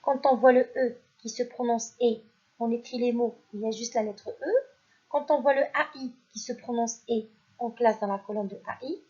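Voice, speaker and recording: A woman teaching a primary school phonics lesson, who reads each word out loud twice and praises the children. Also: fairly high pitch, fairly even intonation, slightly rough, lo-fi sound. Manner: slow and deliberate, repeats each word and stresses it louder; addresses pupils directly, praising them. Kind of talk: recorded French phonics lesson.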